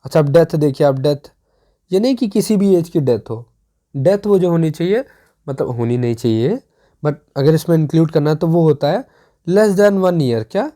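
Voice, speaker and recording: A teacher giving a step-by-step exam revision lesson. The teacher often pauses to check that students follow. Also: medium pitch, expressive, mellow. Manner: explains step by step with many checks for understanding.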